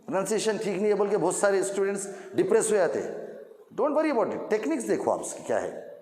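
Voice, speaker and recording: A man with a Hyderabadi Hindi accent teaching English grammar to students in a classroom, speaking slowly and repeating key points, calling his students children. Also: high-pitched, sing-song, darkish tone. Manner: slow, repetitive, addresses students as children. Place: classroom with blackboard. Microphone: microphone. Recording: echoey room with long reverb.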